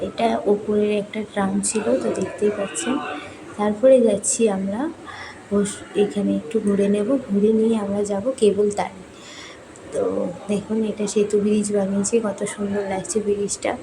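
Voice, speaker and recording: A young woman from West Bengal narrating a cheerful, chatty family vlog for her viewers, her voice a little hoarse from swimming. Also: medium pitch, level tone, moderate pace. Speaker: vlogger. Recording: noisy outdoor ambience.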